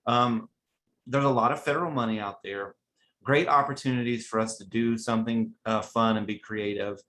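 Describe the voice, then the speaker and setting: A man's voice: medium pitch, fairly even intonation, normal speed, pushed and bright. An enthusiastic man with a West Virginia Appalachian accent, hosting a webinar in a casual, chatty, folksy way. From West Virginia, USA. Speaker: webinar host.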